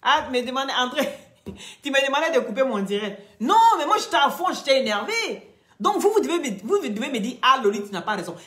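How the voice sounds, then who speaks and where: A woman's voice: on the high side, a bit bright, roomy sound. A woman hosting a live video, speaking straight to her followers in an emphatic, lecturing way. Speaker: social media live-stream host.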